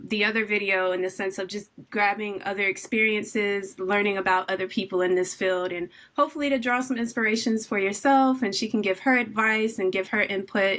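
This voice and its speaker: A woman's voice: mid-range voice, fairly bright tone. A young woman hosting her channel, who introduces a guest and interviews her in an upbeat, enthusiastic way over a video call.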